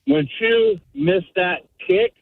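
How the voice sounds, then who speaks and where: A man calling into a radio show from his car, on speakerphone while driving, talking in halting restarts. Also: high voice, huge pitch swings, vocal fry, no echo. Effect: phone speaker from a car. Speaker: caller. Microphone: phone on speaker. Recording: tinny phone line.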